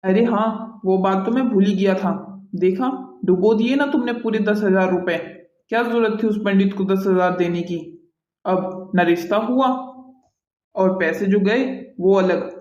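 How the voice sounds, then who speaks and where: A patient, moralizing middle-aged husband from a cartoon drama, played by a man. His voice runs high for a man and stays calm and preachy. It sounds distant and dull, with a roomy echo. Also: unhurried. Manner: calm, gently lecturing. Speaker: husband and uncle.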